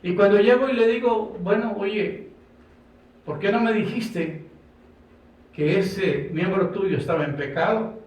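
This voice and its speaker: A Colombian man preaching a fervent sermon in a fairly high voice. He acts out conversations as he goes. The sound is very echoey and comes from a distance from the mic. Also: measured pace, long pauses, darkish tone. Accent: Colombian Spanish. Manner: impassioned preaching, acting out dialogue. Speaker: pastor. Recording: echoey room from far off.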